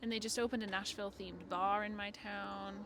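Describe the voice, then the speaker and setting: A woman's voice: medium pitch, fairly even intonation, fairly quick, creaky, crowd noise. A young English woman from the northeast of England, chatting and laughing in a casual street interview. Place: city street outdoors.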